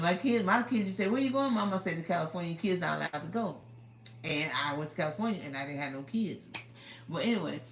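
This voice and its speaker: A woman's voice: on the low side, reverberant, a little hiss or hum. A woman in her fifties chatting casually on a livestream, rambling and giving life advice, talking into her phone. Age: 50s. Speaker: livestream host.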